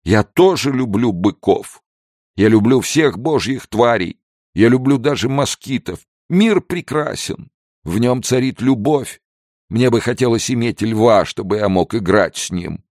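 A man's voice: medium pitch, expressive, unhurried, darkish tone, no room sound, studio quality, pitched above the performer's own voice. A man voicing a drunken, sentimental prison chief who talks in a maudlin, tearful, slurred way. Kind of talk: audiobook character voice.

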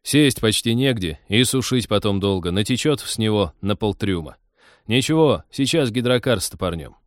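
A man's voice: fairly low pitch, animated, moderate pace, dry recording, clean studio sound, natural voice. A man voicing a confident young male pilot who lectures his sister in a matter-of-fact way. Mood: lecturing.

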